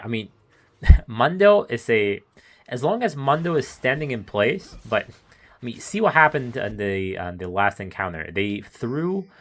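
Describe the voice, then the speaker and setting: Chuckling between thoughts, a man calls an esports match live and solo, his commentary analytical and musing. His fairly low, slightly bright voice sounds worn thin.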